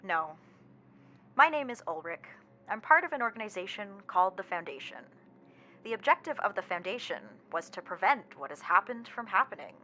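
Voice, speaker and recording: Bright-edged synthesized phone voice of a dying woman, formal and unreadable, a woman doing it. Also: medium pitch, big pitch swings, fairly quick. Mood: flat urgent.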